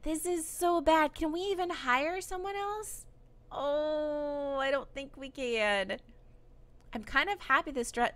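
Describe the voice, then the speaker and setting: A woman giving casual let's-play commentary on a video game, excitable and exclamatory, laughing often. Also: high-pitched. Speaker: gaming YouTuber.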